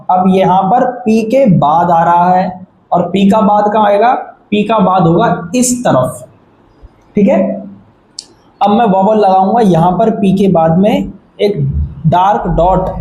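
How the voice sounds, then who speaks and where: A high, dark-voiced man teaches shorthand at a board, breaking things down step by step. He keeps checking understanding with a patient "ठीक है," recorded in an echoey room with faint background noise.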